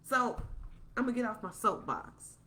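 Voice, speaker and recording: A woman's voice: on the high side, lively intonation, moderate pace, bright, forceful tone. A woman delivering a passionate, preachy podcast monologue, repeating points for emphasis.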